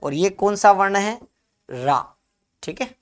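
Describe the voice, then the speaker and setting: A male Hindi teacher giving a live online grammar class, asking his own questions and answering them, repeating key terms slowly so students can write them down. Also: high voice, expressive.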